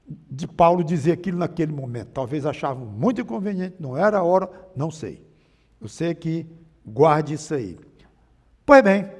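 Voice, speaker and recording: A man's voice: fairly high pitch, darkish tone, big-room sound. A man preaching a sermon with a Brazilian Portuguese accent, emphatic, often shifting his volume and pace. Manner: emphatic, varies volume and pace, mimics mocking voices.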